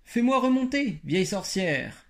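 A man's voice: sits high, lively intonation, moderate pace. A man reading a storybook aloud and voicing a brash, cheeky young soldier in a raised voice.

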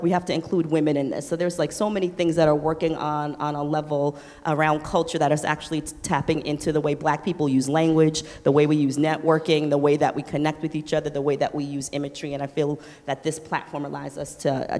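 A woman's voice: low-pitched, little pitch movement, fast talker, few pauses, darkish tone. A woman activist on a panel, speaking earnestly and searching for her words. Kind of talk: panel discussion. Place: museum event hall. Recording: long reverb of a large hall.

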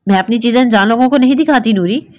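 Irritated young woman snapping short answers , a lady reading, highish dry voice. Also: fast, no room sound, close to an everyday voice. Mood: curt. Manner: curt and sharp.

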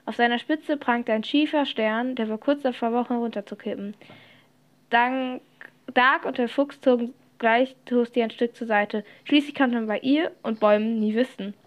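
A woman narrating a storybook chapter aloud, reading lively with occasional slips and restarts. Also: a little high, moderate pace. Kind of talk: audiobook reading.

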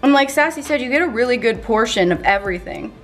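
A bubbly woman chats her way through meal prep in her home kitchen, dropping cutesy pet words as she goes. Her voice sits high and swoops widely. Faint music plays underneath. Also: animated, fast. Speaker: weight-loss vlogger. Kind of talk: casual cooking and meal-prep talk.

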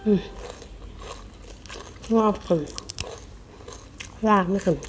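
A woman's voice: drawn-out words, a little hiss or hum. A woman doing a casual mukbang eating show, chatting to viewers between bites with chewing and savouring hums.

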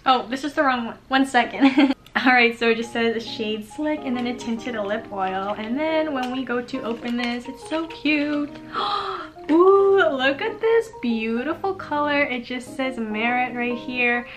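Sitting in her bedroom, a young woman in her twenties talks through her makeup routine in a casual tutorial, bubbly and laughing softly amid many fillers. She's a beauty vlogger with a high-pitched, slightly slow voice, recorded by a tripod camera at arm's length with faint music behind.

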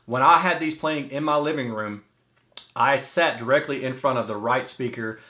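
Seated in a small indoor home office, this American audio reviewer and host walks through a product review to camera. He speaks at medium pitch and normal speed in a bright, forceful tone, with the roomy echo of a small room.

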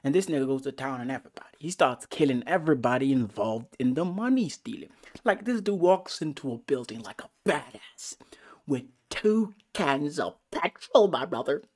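A man giving a casual, excitable movie review, full of profanity and swinging between loud outbursts and hushed whispers. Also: mid-range voice, moderate pace.

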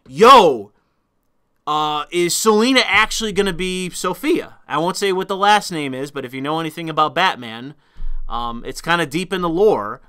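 A man ranting through a film review, swearing and swinging from low mutters to sudden shouted outbursts in exasperation. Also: smooth. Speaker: movie reviewer.

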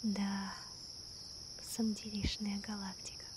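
ASMR role-play, woman as sweet girlfriend stargazing, soft slow soft voice right in your ear, crickets and night noise behind. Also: medium pitch, flat delivery, natural voice. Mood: hushed wonder. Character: gentle, wonder-struck girlfriend stargazing at night. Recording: night crickets, insects and clear ambient noise. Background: crickets and night insects.

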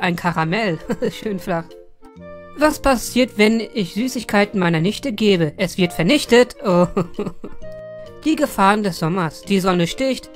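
A woman hosting a joke channel, reading viewer jokes aloud and giggling after the punchlines with amused little asides. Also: medium pitch.

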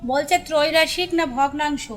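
A woman voicing a cranky old man with a hookah in a storybook reading, shrill and scolding. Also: moderate pace, close to an everyday voice. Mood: grumbling.

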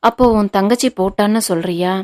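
A woman voicing a stern, sharp-tongued older mother-in-law who scolds in cutting retorts, in an audiobook reading. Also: mid-range voice, a little fast, natural voice. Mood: scolding.

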